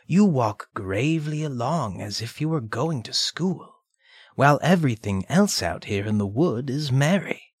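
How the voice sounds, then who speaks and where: A crafty storybook wolf, played by a man, coaxing and sly, his voice soft and often drawing back from the mic. Slow and dry, with a lively rise and fall. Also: mid-range voice, husky, no room sound, voice pushed up. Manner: wheedling, coaxing.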